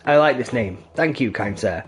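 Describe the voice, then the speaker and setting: A timid boy from a video game who has lost his memory and keeps asking who he is, played by a man. His questions come out halting and bewildered at an ordinary middle pitch. Faint music sits underneath. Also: animated, natural voice.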